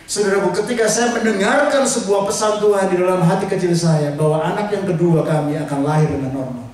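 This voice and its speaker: A male pastor preaching a sermon, telling a personal story in an animated, humorous way. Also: sits high, fairly quick. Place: church hall. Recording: echoey hall from far off.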